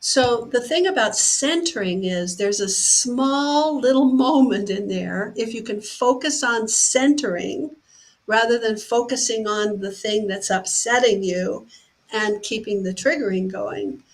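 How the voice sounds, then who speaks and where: A woman's voice: fairly high pitch, unhurried, poor audio. A woman giving a personal development talk, explaining ideas through vivid second-person stories. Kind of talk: teaching talk with storytelling examples.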